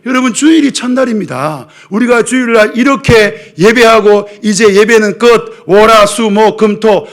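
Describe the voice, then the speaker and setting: A middle-aged man, preaching a sermon as pastor, asking the congregation questions with wry, self-mocking humor. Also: high voice.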